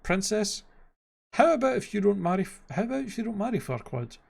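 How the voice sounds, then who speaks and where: A man acts out an excitable talking donkey in a cartoon fairy tale. The voice jumps up high with a creaky edge, chatty and exclamatory, like a loyal sidekick who never stops talking. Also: heavily acted. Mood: reassuring. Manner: fast-talking, exclamatory, colloquial.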